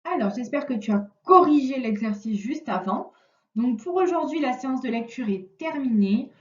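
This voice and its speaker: A woman teacher giving a recorded reading lesson, speaking clearly and patiently to a single child. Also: sits high, lively intonation. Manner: slow, clear, patient instruction addressed to one child. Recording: echoey distant lo-fi room recording.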